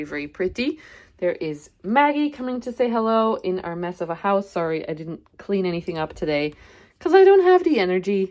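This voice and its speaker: A woman from the Netherlands hosting a casual vlog house tour at home, slightly out of breath, chatty and self-deprecating with frequent laughs. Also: mid-range voice. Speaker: plant channel host. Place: at home indoors, walking between rooms.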